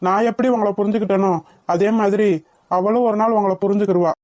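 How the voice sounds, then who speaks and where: A woman's voice: medium pitch, fairly even intonation, fast talker, darkish tone, no echo, natural voice. A woman voicing a kindly older father-in-law in a cartoon, who talks in a soothing, fatherly way. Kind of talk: cartoon voice acting.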